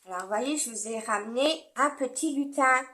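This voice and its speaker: A woman's voice: high-pitched, moderate pace, fairly bright tone. A woman giving a chatty, rambling card reading, with frequent fillers and small laughs. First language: French. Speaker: card reader. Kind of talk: casual spoken card reading.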